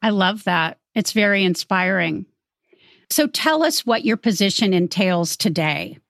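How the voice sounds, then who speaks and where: Brief: woman host, mid-pitched, encouraging, short questions, dry close sound. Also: animated, measured pace, creaky, a bit bright, dry recording. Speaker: podcast host. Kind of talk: interview questions.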